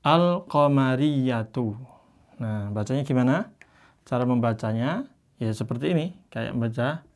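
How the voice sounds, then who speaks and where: A man teaching Quran reading in a class, patiently explaining and slowly modelling each Arabic word. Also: medium pitch, darkish tone. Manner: patient, slows down to model Arabic words drawn out; explains by pointing at written examples.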